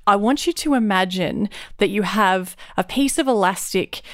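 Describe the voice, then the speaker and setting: A woman doing a slow, coaxing Pilates teacher. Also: mid-range voice, no echo, clean studio sound, close to an everyday voice.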